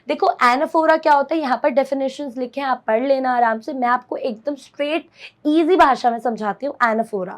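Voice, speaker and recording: A woman teacher, mixing Hindi and as she explains a poem simply and keeps asking her students questions. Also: sits high. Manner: explains simply, often asks the class questions; mixes Hindi and English. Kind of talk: classroom poetry lesson.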